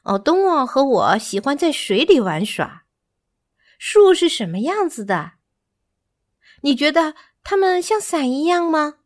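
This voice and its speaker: A curious little monkey bubbles with questions in a storybook, its voice pitched high and swinging widely as it wonders aloud, as a woman reading the tale puts it on. The delivery is slow and eager, never rushed. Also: big pitch swings. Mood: wondering. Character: curious chatty young monkey, full of questions.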